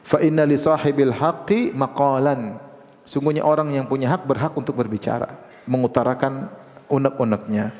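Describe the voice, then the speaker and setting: Man, preacher, lively storytelling, acts out voices, long hall reverb. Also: medium pitch, normal speed. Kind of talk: Islamic lecture.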